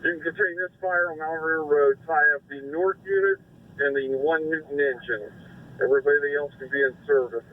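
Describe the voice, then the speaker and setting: A man's voice: a little high, fairly even intonation, fairly quick. A man speaking as a fire incident commander over two-way radio, making clipped, businesslike procedural calls. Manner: terse, businesslike. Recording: tinny band-limited radio, background noise.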